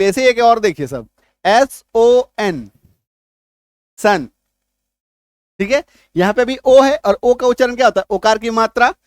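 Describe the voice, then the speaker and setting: A man's voice: very high voice, dry recording, studio quality. A man teaching English reading in a classroom-style lesson. He speaks with a Hindi accent, spells out letters and keeps asking "ठीक है?" to check that students follow.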